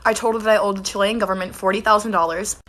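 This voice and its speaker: A woman's voice: medium pitch, steady tone, very fast, a bit bright. A woman casually telling a storytime about a prank, playful and giggly.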